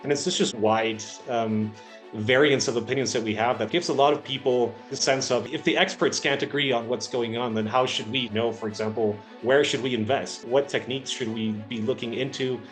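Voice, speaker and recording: A man's voice: medium pitch, steady tone, brisk, soft background music. A man from Ecuador in his thirties, a research engineer answering interview questions at length, hesitant and full of filler sounds.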